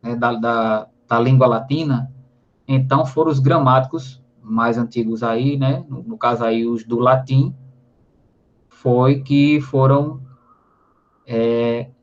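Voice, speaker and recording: A Brazilian man with a Brazilian Portuguese accent, a teacher explaining grammar in a recorded online lesson, often adding tag questions and spelling out syllables. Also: mid-range voice. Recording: slightly dull lo-fi audio.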